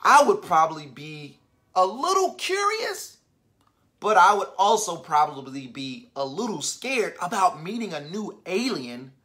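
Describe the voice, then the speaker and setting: A man reading a picture book aloud to children online, animated and stopping often to ask the young listeners questions. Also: sits high, a little slow.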